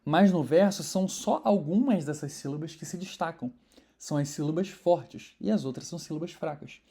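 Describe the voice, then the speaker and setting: Woman teaching poetry, dark tone. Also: low-pitched, moderate pace, breathy edge. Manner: conversational, explanatory, stresses syllables while scanning verses. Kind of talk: online course lesson.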